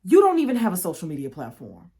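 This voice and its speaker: A young woman, telling a storytime vlog in a chatty, animated way, often repeating and restarting. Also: lowish voice, fast. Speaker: YouTuber.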